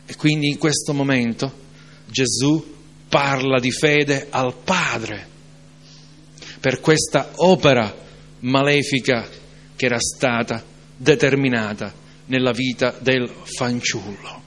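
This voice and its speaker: A man preaching an evening sermon, moving from calm reflection to loud, emphatic climaxes. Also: medium pitch. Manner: slow, deliberate delivery.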